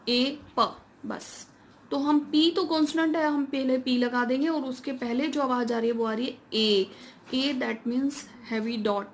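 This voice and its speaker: A woman's voice: sits high, slight background noise. Woman teaching a shorthand lesson. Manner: mixes Hindi with English terms, reads English rules out slowly. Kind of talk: classroom lesson explaining step by step.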